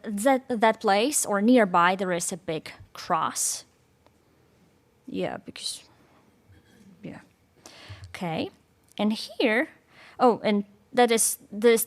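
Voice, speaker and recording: A woman from Ukraine with a Ukrainian accent, giving an informal talk to an audience, hesitant and searching for words. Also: medium pitch. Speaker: guest speaker. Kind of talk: informal presentation with audience quiz.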